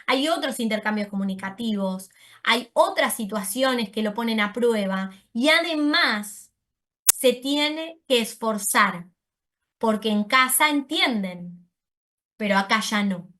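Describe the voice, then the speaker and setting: Bright-voiced woman lecturing. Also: on the high side, animated, slow. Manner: explanatory, uses voseo, self-corrects. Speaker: speech therapist giving a talk. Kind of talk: lecture to an audience.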